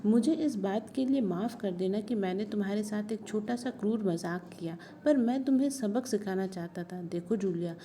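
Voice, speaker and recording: A woman's voice: on the high side, lively intonation, mellow. A woman reading aloud the part of a stern, hot-tempered male employer, raising her voice in anger. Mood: lecturing. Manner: angry, raised voice, slow deliberate reading.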